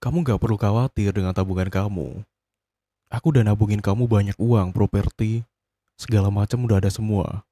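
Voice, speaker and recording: A man in whispered role-play as a doting, wealthy husband who talks softly and teasingly to his partner. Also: fairly low pitch, steady tone, a little fast, dry recording. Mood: scolding. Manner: soft, intimate, teasing boyfriend talk. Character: doting rich husband, possessive and gently scolding. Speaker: ASMR role-play voice actor.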